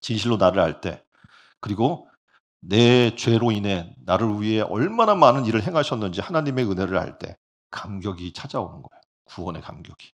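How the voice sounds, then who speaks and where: A male pastor preaching a sermon in an animated way, often putting rhetorical questions to the congregation. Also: lowish voice, brisk.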